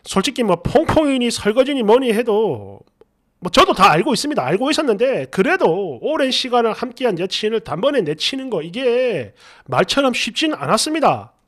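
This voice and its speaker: High, animated male storyteller. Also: normal speed. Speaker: story narrator. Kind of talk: first-person narration of an online post.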